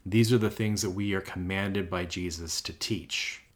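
A man's voice: deep voice, fairly even intonation, normal speed. A man co-hosting a religious podcast as ordained clergy, explaining scripture in a teacherly way. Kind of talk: casual religious podcast chat.

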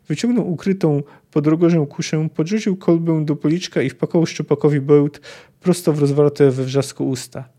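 A man's voice: a little high, dark tone. A man hosting a podcast about a fantasy novel, reading passages aloud and talking about them with many fillers and self-corrections. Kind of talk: book discussion with read-aloud passages.

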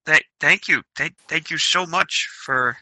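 A man playing a tabletop game, talking casually in a halting, effusive way. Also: on the high side, bright, forceful tone, no echo. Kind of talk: casual improvised play.

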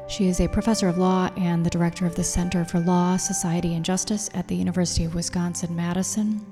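A woman hosting a podcast, reading a scripted introduction in a measured, deliberate way and then asking interview questions. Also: on the low side, level tone. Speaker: podcast host. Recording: reverberant room with music underneath.

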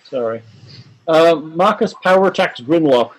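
Higher-pitched man running a game. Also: a little slow, poor audio. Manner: relaxed, jokey narration of combat rolls. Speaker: game master.

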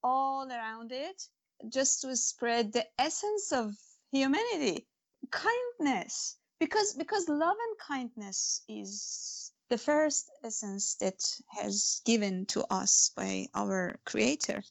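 Appearing as a guest, this author discusses her faith and stories in spiritual interview talk, earnest but full of restarts and fillers, English not being her first language. She speaks slowly in a gravelly, expressive voice on the high side.

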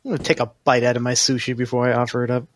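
A man's voice: medium pitch, little pitch movement, rapid-fire. A man player joking around in a casual tabletop game session. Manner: joking, playful.

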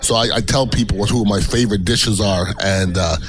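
A man's voice: on the low side, fairly quick, faint music behind. A man hosting a casual food talk show, rambling and often repeating his words as he goes. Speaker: radio show host and co-host partner. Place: restaurant, recorded on location.

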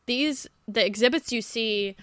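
A woman's voice: on the high side, a little slow, fairly bright tone, smooth, no room sound, clean studio sound. A woman co-hosting a podcast, chatty and loose with her words. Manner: chatty, lots of "like" fillers. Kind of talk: casual podcast chat.

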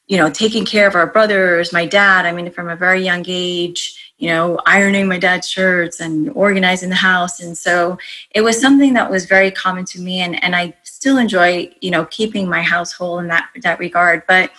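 A woman's voice: fairly low pitch, fairly even intonation, moderate pace, bright, forceful tone, rough recording. A woman from Colombia, raised in Rhode Island, speaking as a life coach guest on a podcast and telling her story in a bubbly, reflective way. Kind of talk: casual interview chat.

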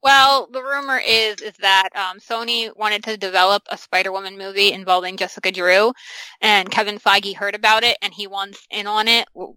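A woman's voice: medium pitch, sharp tone, clean tone, no room sound, low-quality recording. A woman in her thirties chatting casually as a podcast co-host, rambling through stories with plenty of fillers. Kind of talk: casual chat about comic films.

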